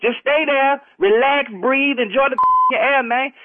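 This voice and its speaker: A man's voice: very high voice, fairly even intonation, measured pace, no echo. A man in a heated, confrontational phone conversation, talking in informal street slang over a telephone. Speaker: prank call recipient. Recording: narrow, tinny phone line.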